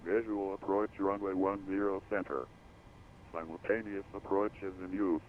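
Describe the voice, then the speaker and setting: A man's voice reading an automated airport weather broadcast over the radio, in a flat, clipped way through codes and numbers. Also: deep voice, moderate pace. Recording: tinny radio band over faint hiss.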